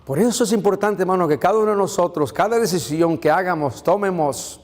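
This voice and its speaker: Man, pastor, sermon, higher-pitched voice, long church echo. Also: fairly quick, a little mellow. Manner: preaching with rhetorical questions, calling out to the congregation.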